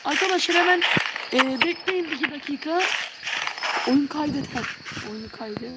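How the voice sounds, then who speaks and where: Young Turkish woman streamer, high voice, jumpy and easily startled, loud noise behind. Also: a little slow. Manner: jumpy, yelps and shrieks in fright. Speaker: livestreamer. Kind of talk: live gaming stream.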